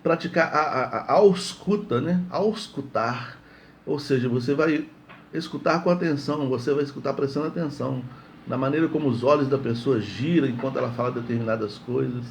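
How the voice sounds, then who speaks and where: A man's voice: mid-range voice, gravelly, slight background noise. A man giving a morning devotional sermon in a conversational way, often repeating words and checking in with "entende?". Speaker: preacher.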